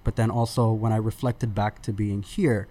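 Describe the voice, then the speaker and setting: A man in his thirties, born in Sudan, who tells the story of starting his podcast as a guest on an interview show, speaking in a relaxed, conversational way with many fillers and restarts. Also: fairly low pitch, moderate pace.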